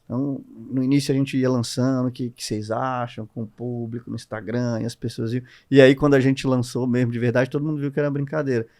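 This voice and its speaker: A man with a Brazilian accent, a guest on a podcast, explaining ideas in an animated, expressive conversational way. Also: medium pitch, fast talker, hardly any pauses. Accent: Brazilian Portuguese. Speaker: guest entrepreneur.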